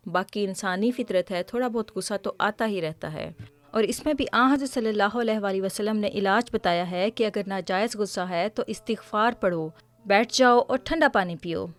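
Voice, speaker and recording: Here a female host talks to a child, explaining patiently and softly at an unremarkable pitch. Like a teacher, she keeps asking the child questions along the way.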